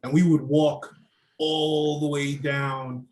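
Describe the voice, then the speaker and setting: This 30-something man, chatting as a podcast guest, drifts through his stories with plenty of "like" thrown in. He speaks slowly in a fairly high, sing-song voice that is creaky and a little mellow. Roomy echo and a faint hiss or hum color the audio.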